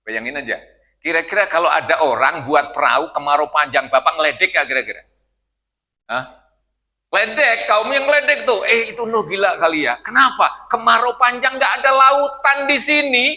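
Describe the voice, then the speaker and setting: A man's voice: high-pitched, lively intonation, normal speed, bright, forceful tone. An older man preaching an evening sermon in a mosque, joking and conversational, questioning his listeners and chanting verses of scripture. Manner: jokey and conversational, often asking the audience "Pak?". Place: mosque hall. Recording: long reverb of a mosque hall.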